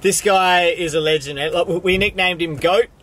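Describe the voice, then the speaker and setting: A young man talks eagerly and in slang to a camera from a sailboat's cockpit. His voice sits high and bright. Faint noise hums behind him. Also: steady tone, normal speed. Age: young adult. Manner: enthusiastic, slangy. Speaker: vlog co-host. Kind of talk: casual chat to camera. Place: cockpit of a sailboat under a canopy, outdoors.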